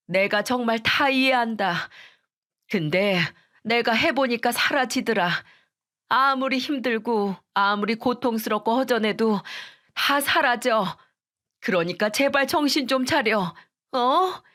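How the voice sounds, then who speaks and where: A stern, grieving mother-in-law , put on by a woman narrator scolds and pleads with a raised, high, pressing voice in a storybook radio drama. Her shouts climb sharply. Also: takes it slowly. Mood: pleading.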